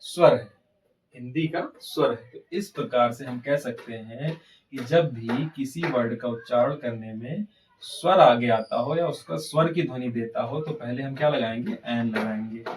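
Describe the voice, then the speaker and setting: Male grammar teacher, steady mid pitch, quiz-and-answer delivery, slightly distant mic. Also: normal speed, a little hiss or hum. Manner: asks rhetorical questions and answers them himself. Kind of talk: classroom-style grammar lesson.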